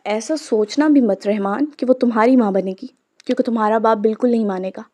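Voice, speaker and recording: A woman's voice: fairly high pitch, fairly quick, mellow, lightly acted. A woman reading the part of a young man, an uncle, who answers surprised and firm in a storybook.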